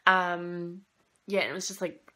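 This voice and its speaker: A young woman with a slight cold, casually telling a travel story for her vlog in an animated, chatty way full of "like" and quoted thoughts. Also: lowish voice, unhurried. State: has a cold, coughing. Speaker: vlogger.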